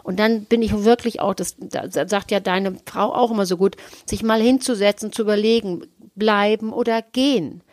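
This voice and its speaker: A woman's voice: mid-range voice, fairly even intonation, moderate pace, few pauses, a little mellow, no echo. A woman therapist co-hosting a casual talk podcast, explaining with lots of rhetorical questions. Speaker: therapist and co-host.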